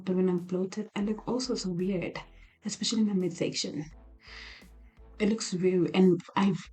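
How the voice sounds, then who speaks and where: A woman's voice: on the low side, husky. A woman whispering a candid late-night diary vlog in a small apartment, rambling with many restarts. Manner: hushed whispering. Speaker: video diarist.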